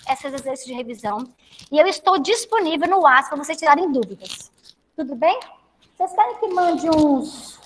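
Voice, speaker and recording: A woman with a Brazilian Portuguese accent teaching a Portuguese class, affectionate with her students and often checking that they follow. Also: high-pitched. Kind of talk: online class lesson. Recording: long reverb.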